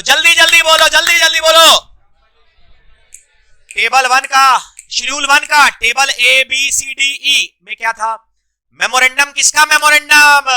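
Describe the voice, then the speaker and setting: A male teacher with a very high, sharply bright voice runs a classroom lecture. He fires quick repeated questions at his students and slips English terms into his Hindi. His tone is clear and resonant. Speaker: commerce law teacher.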